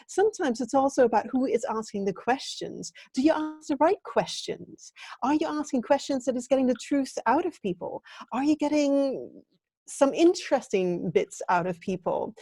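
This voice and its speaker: Guesting on a video call interview, a middle-aged woman from Denmark who works as a training consultant gives earnest, thoughtful answers with some fillers. Her voice is on the high side and warm, with no room sound.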